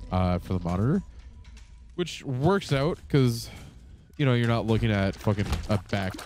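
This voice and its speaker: A man with a congested voice giving casual, rambling gameplay commentary at home, swearing often and full of fillers. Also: fairly low pitch. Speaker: gaming channel host. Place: home setup with monitor.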